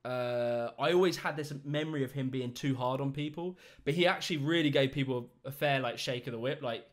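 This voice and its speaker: A man's voice: mid-range voice, brisk. A young British man hosting a casual chat, telling stories with lots of laughter. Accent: British English. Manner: animated storyteller, laughs often, does mock voices. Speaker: host.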